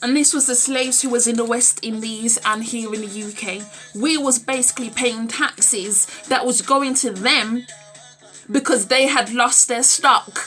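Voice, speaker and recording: A UK woman around thirty vlogs from home, speaking into a phone held at arm's length with faint music behind. Her voice is fairly high, steady, pushed and bright, at a measured pace. She's casual, blunt, emphatic and opinionated, swearing and repeating phrases for emphasis.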